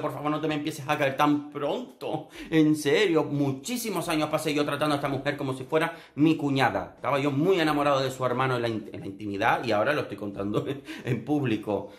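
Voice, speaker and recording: A man's voice: on the high side, a little fast, roomy sound. A man giving casual, gossipy commentary on reality TV, exclamatory and campy. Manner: gossipy, exclamatory, campy, mimics people with a raised voice.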